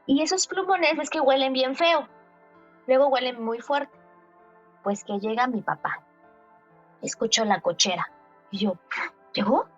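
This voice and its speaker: A woman's voice: high voice, unhurried, long pauses, faint music behind. A young woman telling her own story in blunt, colloquial words, heard through a dull lo-fi interview clip. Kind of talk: personal storytelling.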